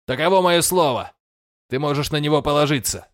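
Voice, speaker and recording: A man's voice: lowish voice, fairly even intonation, moderate pace, no room sound, studio quality, natural voice. A man voicing a proud, weary swordsman who firmly refuses to obey. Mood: defiant. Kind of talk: audiobook character voice.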